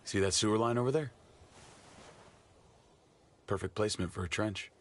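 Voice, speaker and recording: A man's voice: on the low side, normal speed, lightly acted. An actor playing a hardened, curt militia leader and estranged father in a dramatic video game. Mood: bitter, brooding. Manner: curt, commanding.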